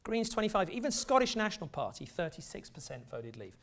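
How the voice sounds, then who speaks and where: A man's voice: high-pitched, very animated, a little fast, gravelly, fairly bright tone. A middle-aged English man giving a university lecture in a conversational way, with wry asides. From England. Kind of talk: academic lecture. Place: lecture hall.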